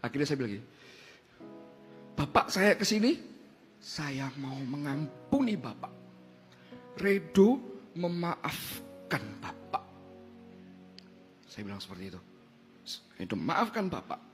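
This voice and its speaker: A young man gives an emotional testimony as a worship leader, his voice sitting a little high. He drops to near whispers and then rises sharply as the story builds. Faint music plays underneath. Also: very animated, slow, long pauses. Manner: emotional storytelling, swings from hushed to loud. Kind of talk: testimony sermon.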